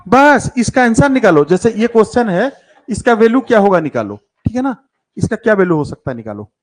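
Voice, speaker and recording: Speaking a little fast, a high-voiced man with big pitch swings runs a live online math class for children. He coaches for school entrance exams, coaxing and teasing the kids while slipping English terms into his talk.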